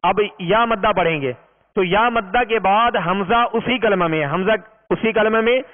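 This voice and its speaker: A man with a high-pitched voice teaches Quran recitation at a moderate pace in a recorded tajweed lesson, patiently going step by step and stretching out long vowels as he demonstrates. The recording is tinny, reverberant, and lo-fi.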